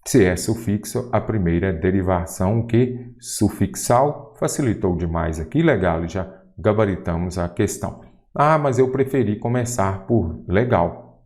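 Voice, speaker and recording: A man's voice: sits low, moderate pace, a little mellow. A man from Brazil teaching an exam-prep grammar lesson, asking rhetorical questions and stressing key words.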